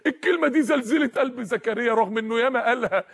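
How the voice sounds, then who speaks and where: A male preacher with an Egyptian Arabic accent delivering a sermon, impassioned, shouting and breaking into tears. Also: extremely high pitch, racing.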